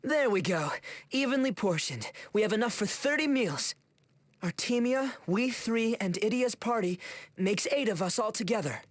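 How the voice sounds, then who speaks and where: A man's voice: high voice, animated, normal speed. A man voicing an earnest, reassuring young male companion in a video game, straightforward in his delivery. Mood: practical.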